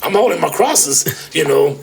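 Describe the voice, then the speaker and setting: A middle-aged man, the uncle among the co-hosts of a casual podcast, rambles and repeats himself, saying "dog" a lot. His voice is a little high, creaky and expressive, at a moderate pace. It's a noisy home recording.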